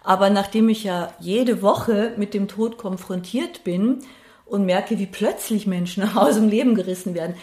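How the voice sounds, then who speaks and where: This Bavarian woman, middle-aged, has a mid-range voice with a darkish tone and speaks at a moderate pace in an echoey room. Interviewed about her work as a singer and grief singing-circle leader, she's thoughtful and searching for words, and she seeks agreement with short tag questions.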